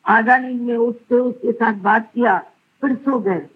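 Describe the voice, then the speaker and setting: A woman's voice: fairly high pitch, measured pace, phone-quality sound, a little hiss or hum. A woman giving an earnest devotional sermon as a spiritual teacher, pressing her listeners with rhetorical questions.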